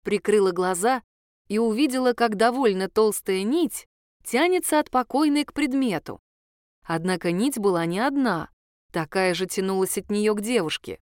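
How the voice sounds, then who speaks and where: A woman's voice: mid-range voice, smooth, dry recording, studio quality. A woman narrating a story in the first person as an audiobook, in a wry, conversational manner.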